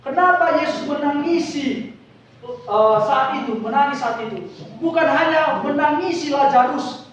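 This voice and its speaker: High-voiced preacher in a booming echo. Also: male voice, a little slow, slight background noise. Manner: dramatic, swings from hushed to loud. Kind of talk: sermon storytelling. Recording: very echoey, distant mic, dull sound.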